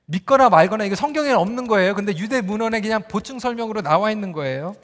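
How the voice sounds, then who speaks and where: A male pastor preaching a sermon, telling the story in a lively way and speaking straight to the congregation. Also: high voice, fast, in a large hall. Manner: animated storytelling, addressing the congregation directly.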